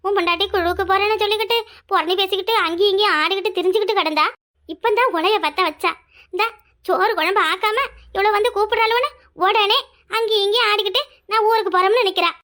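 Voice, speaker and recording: A woman voicing a sharp-tongued elderly village mother-in-law in a cartoon, nagging with a Kanyakumari Tamil accent. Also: extremely high pitch. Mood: complaining. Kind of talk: cartoon voice acting.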